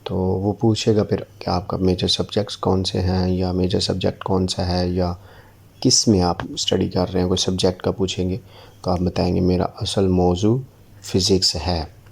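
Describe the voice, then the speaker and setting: Deep, gravelly teacher. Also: male voice, little pitch movement, a little mellow. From Pakistan. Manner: slow, deliberate model sentences with frequent "theek hai" check-ins. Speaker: English teacher. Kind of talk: language lesson in Urdu.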